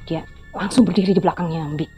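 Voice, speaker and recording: A woman in her fifties, a storytelling vlogger, recounts a story casually and at a quick pace, her chatty telling often circling back to who said what. Her voice is fairly low-pitched with a steady tone. The recording is slightly dull and lo-fi, with faint music behind her.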